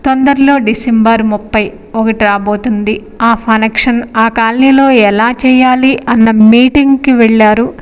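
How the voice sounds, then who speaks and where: A woman reading a story aloud in a steady, expressive narration. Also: on the high side, a little slow, smooth, in a large hall.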